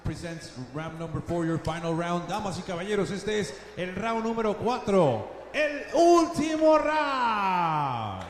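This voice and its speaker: A man's voice: high-pitched, very animated. A man announcing formally as a ring announcer in a lucha libre announcer manner, proclaiming and drawing out his words. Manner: drawn-out, proclaiming final words. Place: large echoing venue, over PA. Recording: echoey hall PA with noise.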